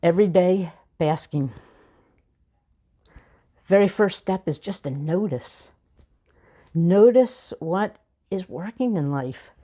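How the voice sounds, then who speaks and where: Woman minister preaching, low warm voice, reflective, pauses a lot while telling a story. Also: animated. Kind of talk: sermon with personal story.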